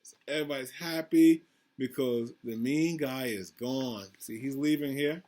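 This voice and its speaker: A man with a mid-range, darkish voice reads a picture book to children without hurrying. He is their school principal, and he addresses them directly, asks questions, adds asides, and repeats himself.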